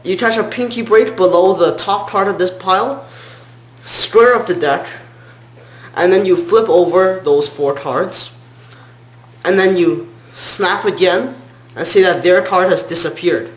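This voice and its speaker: A man's voice: high-pitched, a little slow. A man giving an informal step-by-step card trick tutorial as a magician, sometimes correcting himself. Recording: roomy, echoing sound.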